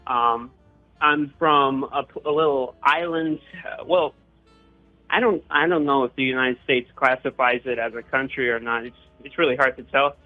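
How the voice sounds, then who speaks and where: A man's voice: mid-range voice, steady tone, moderate pace. Young man on a tinny line. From Puerto Rico. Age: young adult. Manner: hesitant, with frequent restarts and fillers. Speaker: interviewee. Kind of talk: casual personal storytelling. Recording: tinny phone-like line with faint guitar music.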